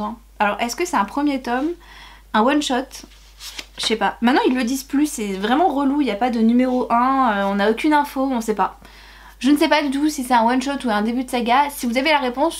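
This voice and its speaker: A young woman chatting casually as a book YouTuber, unboxing with rambling, hesitant talk and gushing exclamations. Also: high voice.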